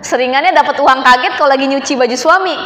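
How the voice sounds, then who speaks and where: A woman's voice: high voice, fast talker, a bit bright, slight background noise. A woman religious teacher, giving a chatty sermon to women in a mosque and often calling them "Bu". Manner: chatty, addresses audience as Bu. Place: mosque hall. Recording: echoey mosque hall.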